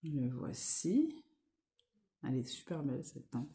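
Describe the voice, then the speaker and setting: A woman's voice: extremely low pitch, sing-song, a little slow, dark tone. A woman vlogging at home, casually showing and swatching makeup, hesitant with many fillers and restarts. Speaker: beauty vlogger. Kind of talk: casual makeup product show-and-tell.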